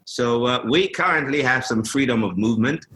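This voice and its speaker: A man with a Ghanaian accent hosting a conversation, speaking in a measured, formal way. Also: medium pitch, a bit bright, low-quality recording. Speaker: host. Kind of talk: hosted video call chat.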